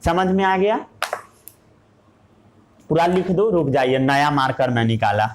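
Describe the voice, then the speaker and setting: A man's voice: on the high side, lively intonation, unhurried, slight background noise. A male teacher giving a classroom science lesson. He asks rhetorical questions, answers them himself, and mixes English terms into his Hindi.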